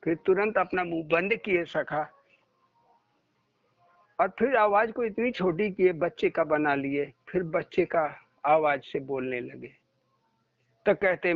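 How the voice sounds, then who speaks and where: Male spiritual teacher, unhurried storytelling sermon, dry close sound, plays every part in his stories himself. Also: fairly high pitch, gravelly, dry recording. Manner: storytelling, acting out quoted dialogue. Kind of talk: devotional satsang talk. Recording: muffled lo-fi recording.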